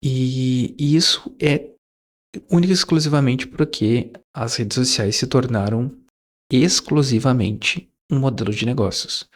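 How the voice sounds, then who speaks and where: A YouTuber in his 20s talks to his viewers in a loose, reflective monologue, his mid-range voice moving at a measured pace. He wanders as he speaks, leaning on fillers and correcting himself.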